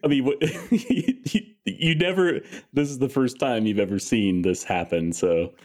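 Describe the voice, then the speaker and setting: A man hosting a podcast, who mostly answers with brief reactions and quick jokes. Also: mid-range voice, lively intonation, darkish tone. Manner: short reactions and quips. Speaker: podcast host. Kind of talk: casual chat.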